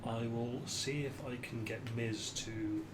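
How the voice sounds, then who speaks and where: A man playing a tabletop game, talking casually and haltingly as he thinks aloud. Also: medium pitch, steady tone. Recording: clear background noise.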